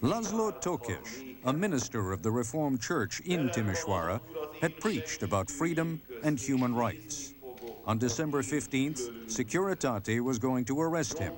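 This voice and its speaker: Solemn male documentary narrator. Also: mid-range voice. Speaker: news documentary host and narrator.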